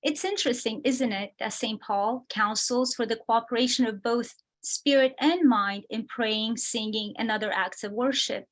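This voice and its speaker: Woman from romania giving a talk on a video call, careful and explaining, bit high voice. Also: a bit bright. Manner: measured, explanatory, reads from slides. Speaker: guest speaker. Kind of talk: prepared lecture.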